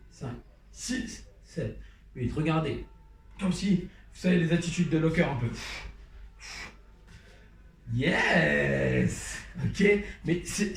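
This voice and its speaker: A man's voice: a little high, distant mic. A man teaching a hip-hop dance class, counting beats and scatting rhythm sounds while he demonstrates moves. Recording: echoey room, voice off-mic.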